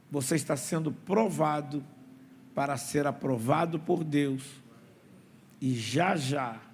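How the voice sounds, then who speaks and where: A man preaching a sermon as pastor, telling stories and calling for responses from the congregation. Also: a little high. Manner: animated storytelling with call-and-response. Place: church. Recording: echoey hall with faint noise.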